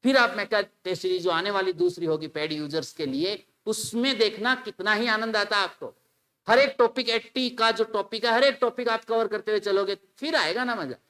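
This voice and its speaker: A male teacher giving an exam-prep grammar lecture, animated and mixing with English while acting out his students' questions. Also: sits high, normal speed.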